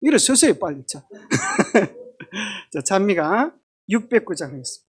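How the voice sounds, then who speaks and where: A woman pastor preaching in church, lively and joking, asking the congregation questions. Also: mid-range voice, a little slow, slightly rough. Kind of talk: sermon. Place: church sanctuary.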